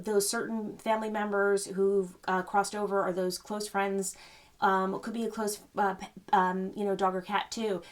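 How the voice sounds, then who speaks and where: An older woman giving a gentle, rambling spiritual card reading, full of fillers and reassurance. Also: medium pitch. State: choked up. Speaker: psychic reader.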